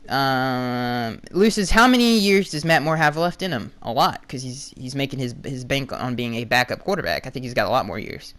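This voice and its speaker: A young man hosting a casual solo podcast, answering fan questions bluntly with lots of restarts, his voice going hoarse. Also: medium pitch, animated, normal speed, hardly any pauses, fairly bright tone. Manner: rambling, restarts and fillers, blunt opinions. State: losing his voice.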